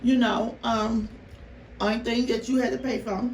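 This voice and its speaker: A woman vlogger telling a story casually to her viewers, animated and exasperated, with rhetorical questions. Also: on the high side, moderate pace. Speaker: mukbang vlogger. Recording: roomy, noisy, distant microphone.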